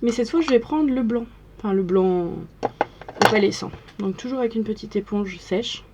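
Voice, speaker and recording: A woman's voice: mid-range voice, moderate pace, lo-fi sound, very noisy. A young woman chatting casually through a makeup tutorial, narrating each step as she works in front of the camera. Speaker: makeup vlogger.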